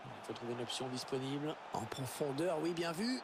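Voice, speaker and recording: A man's voice: mid-range voice, animated, brisk, close to an everyday voice. A man playing a keen football match commentator in a sports video game. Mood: measured. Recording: game audio with faint background noise.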